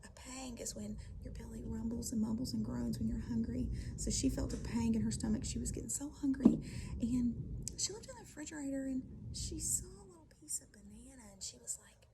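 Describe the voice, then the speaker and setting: A woman storyteller telling a story to children, animated and often dropping to a whisper. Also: a little high, brisk, vocal fry, heavy background noise.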